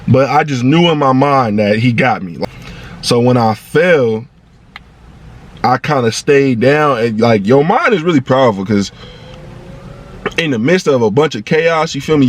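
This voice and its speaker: A young man telling a personal story in a casual vlog, talking in excitable, profane street slang that jumps high when he gets worked up.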